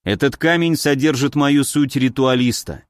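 A man narrates a fantasy audiobook in a steady, even way. His pitch sits in the middle range. The recording is dry and close, with no room sound. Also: normal speed, no echo.

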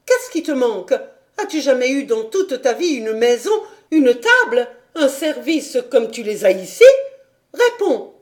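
A strict governess scolds in high, loud, indignant bursts, as a woman reading the audiobook puts her on. Her questions come sharp and pressing, pitched well above the reader's own voice. The storybook tone stays stern throughout. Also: lively intonation, normal speed. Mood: indignant scolding. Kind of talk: audiobook character voice.

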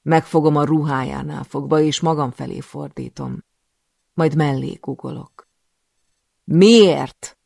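A man narrating a first-person thriller audiobook with tense drama. His voice is heavily gravelly, and the recording is close and dry. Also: fairly high pitch, little pitch movement, a little mellow, dry recording.

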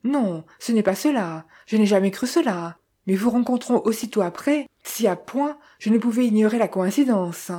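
A woman reading the lines of an earnest young gentleman adventurer in an audiobook, in a measured, pleading way. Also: medium pitch, lively intonation, breathy edge.

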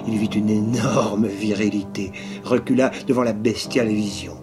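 A man reading a novel on the radio. His narration keeps sinking into a low whisper. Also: fairly even intonation, moderate pace. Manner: narration dropping often to a low whisper, jealous outbursts in dialogue. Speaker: actor reading a novel aloud. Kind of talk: dramatized literary reading on radio. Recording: archival radio broadcast with music behind.

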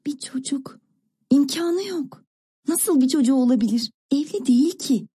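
Woman voicing an eager little sister, high-pitched. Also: lively intonation, moderate pace, mellow. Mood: puzzled. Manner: breathless, eager questioning. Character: excitable little girl, younger sister, impatient.

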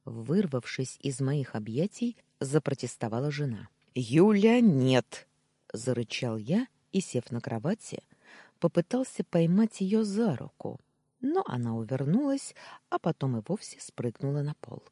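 A man reading a first-person romance audiobook in a measured, dramatic way. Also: medium pitch, sing-song, mellow, breathy edge, no echo, studio quality. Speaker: audiobook narrator.

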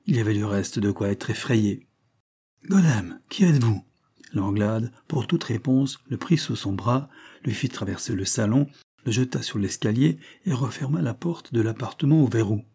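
A man reading a classic novel aloud as an audiobook narrator, in a measured, dramatic manner. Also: on the low side, vocal fry, warm tone, slightly rough.

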